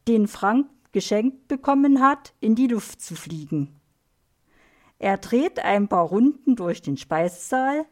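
A woman reading a children's story aloud in a clear, expressive storytelling manner. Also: mid-range voice.

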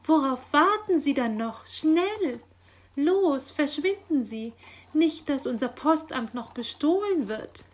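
A woman's voice: mid-range voice, measured pace, husky. A woman voicing a fussy, chattering female magpie postmistress in a children's audio story, eager and easily flustered. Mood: excited. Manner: eager, flustered, rising excited lines.

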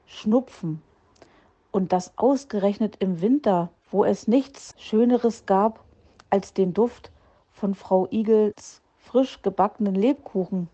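A woman reading a children's story aloud in a lively, expressive way. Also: mid-range voice, slow pace, dull audio.

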